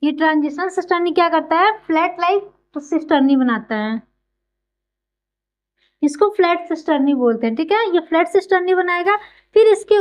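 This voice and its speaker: Woman with a very high voice who teaches by everyday comparisons and quick questions she answers herself. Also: rough recording. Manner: keeps asking and answering her own questions. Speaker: biology teacher. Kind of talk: explanatory classroom lecture.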